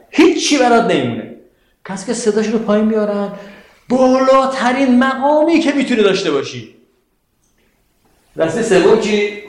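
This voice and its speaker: High-voiced man teaching in an echoing room. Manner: animated, questioning the audience, recites Arabic verses slowly. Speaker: religious teacher. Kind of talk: lecture on Quranic verses. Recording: very echoey room.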